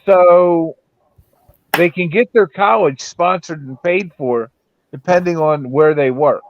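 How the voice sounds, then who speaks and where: A man's voice: on the high side, takes it slowly, dull audio. A man in his fifties making his point on a casual live chat, earnest and persistent. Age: 50s.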